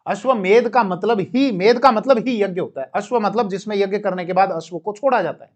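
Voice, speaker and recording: Male history teacher with a high voice, explaining with asides and corrections. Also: fairly quick. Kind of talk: classroom history lecture.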